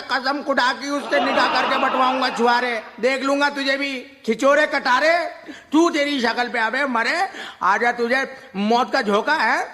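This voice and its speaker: A man in a comic sketch, irritable and scolding, laughing as he rants. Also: very high voice. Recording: hall reverb with clear noise.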